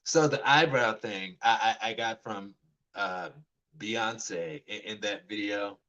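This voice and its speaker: A vlogger in his forties tells a story in a loose monologue, rambling, restarting sentences, stammering repeats and voicing both sides of conversations. His voice is fairly low, slow and sharp in tone, and the audio is poor.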